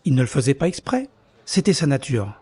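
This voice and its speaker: A man's voice: medium pitch, very animated, brisk, slightly rough, dry recording. A man narrating his own story in the first person in an audio drama, bitter and introspective. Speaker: narrator and lead character. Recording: soft music underneath.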